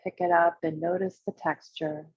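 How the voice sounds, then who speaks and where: Leading a guided visualization, a woman meditation guide speaks in short, unhurried instructions broken by pauses. Her slightly husky voice is lowish and her delivery flat. The recording is muffled, roomy and echoey.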